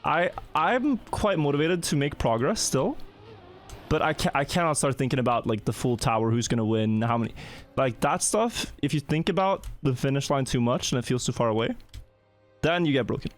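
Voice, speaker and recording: A man's voice: medium pitch, brisk, soft background music. A man hosting a live gaming stream, chatting casually and often repeating words as he talks. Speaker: streamer host.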